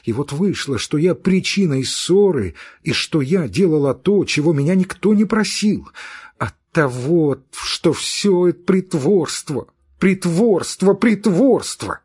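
A man's voice: medium pitch, expressive, a little slow, husky. A man voicing a hot-tempered, proud young woman in an audiobook reading, speaking in an agitated and insistent way. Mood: indignant. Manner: agitated, insistent, emphatic repetition.

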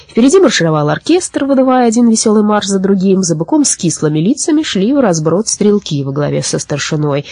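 Female audiobook narrator, children's story, expressive, breathy, dry close mic. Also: lowish voice, no echo.

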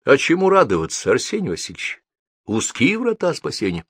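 A man's voice: mid-range voice, wildly swooping pitch, brisk, a bit bright, breathy edge, dry recording, voice pushed up, heavily acted. A man voicing a stern, pious mother superior who scolds reproachfully, read in a dry close recording.

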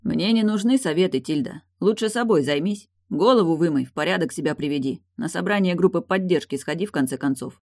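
A woman's voice: on the low side, brisk, few pauses, darkish tone, dry recording, studio quality. A woman reading an audiobook, voicing a weary, curt male guard investigator who talks in a terse, defensive way.

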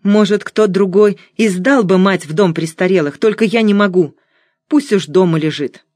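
A woman's voice: lowish voice, animated, moderate pace, a little mellow, no echo, studio quality. Woman reading as a wary young student girl. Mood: defensive. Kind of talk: audiobook reading.

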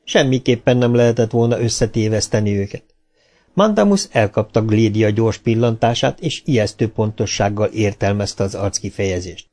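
A man narrating a novel as an audiobook, reading in a calm, measured way. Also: lowish voice.

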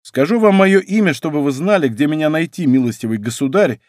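A proud young Gascon musketeer, voiced by a man reading an audiobook, with a Gascon accent, raised and ringing, swinging lively up and down. He talks back brashly and defiantly, quick to threaten with his sword. The read sounds close and dry. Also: a little high, no echo, close to an everyday voice. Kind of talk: audiobook character voice.

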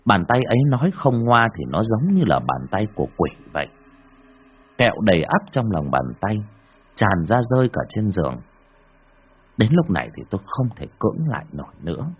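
A man narrating a first-person horror story in a dramatic, drawn-out way. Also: lowish voice, sing-song, slightly rough. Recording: dull lo-fi recording.

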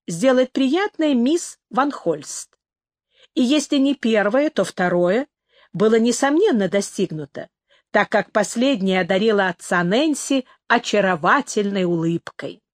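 A woman narrating an audiobook in a measured storytelling manner. Her voice sits fairly high, and she is recorded close on a dry studio mic with no room echo.

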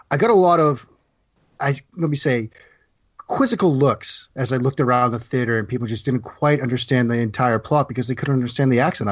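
A man's voice: medium pitch, dry recording. A man with a Boston accent, a guest football analyst who talks at length and often repeats words as he restarts. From Boston area, United States. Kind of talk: casual podcast chat. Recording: dry, slightly dull sound.

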